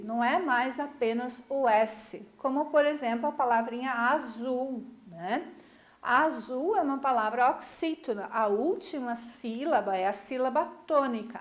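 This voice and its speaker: A Brazilian woman teaching a recorded school lesson in a high, bright voice. She goes patiently step by step and keeps checking that her students follow along. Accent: Brazilian Portuguese.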